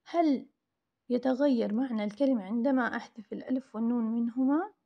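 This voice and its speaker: A woman teacher reviewing grammar for young pupils, drawing words out slowly and praising often in a recorded lesson. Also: on the high side, vocal fry, dull audio. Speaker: primary school teacher.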